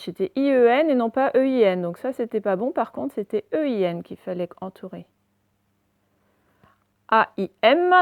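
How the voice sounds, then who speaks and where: A woman's voice: fairly high pitch, darkish tone, no room sound, studio quality. Patient woman teacher spelling out letters. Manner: patient, spells out letters slowly and checks in often. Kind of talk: reading lesson for children.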